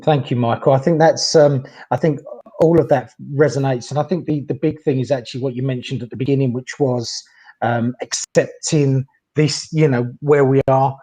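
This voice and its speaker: A man speaks as a guest on a mentoring stream in a mellow, rather flat voice. He answers politely and appreciatively, pausing with a few hesitations. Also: medium pitch. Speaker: mentee guest. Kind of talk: casual response on a video call.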